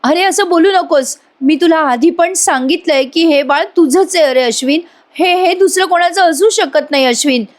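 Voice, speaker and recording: A woman voicing a desperate pregnant young woman who begs and pleads. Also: moderate pace. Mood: pleading. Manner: pleading, tearful, high-pitched.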